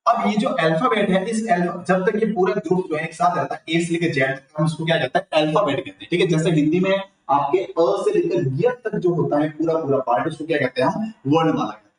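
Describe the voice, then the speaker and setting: Hindi-speaking tutor in an echoey room. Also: male voice, on the high side, fast, hardly any pauses. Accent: Rajasthani Hindi. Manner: asks the class and answers himself. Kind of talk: online grammar lesson. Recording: echoey room, mic far off.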